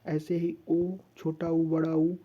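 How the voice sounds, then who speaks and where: A woman teaching an exam-prep class, who asks the class questions, answers them herself and slowly chants rules for them to repeat. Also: sits low, monotone, lo-fi sound, a little hiss or hum.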